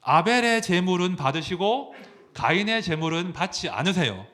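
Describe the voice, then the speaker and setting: A man's voice: sits high, big pitch swings, normal speed, pushed and bright. A man, a pastor, preaching a sermon, asking the congregation questions as he goes.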